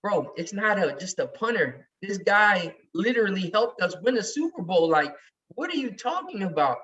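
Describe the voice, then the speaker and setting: A man's voice: high voice, sing-song, normal speed, fairly bright tone. A man talking emphatically and heatedly in casual chat as a regular on a sports podcast. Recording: distant, muffled recording.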